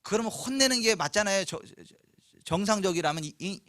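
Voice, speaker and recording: A male pastor preaching a sermon, reading scripture slowly and asking the congregation rhetorical questions. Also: high-pitched, expressive, fairly bright tone, no echo, clean studio sound. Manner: slow, weighty scripture reading.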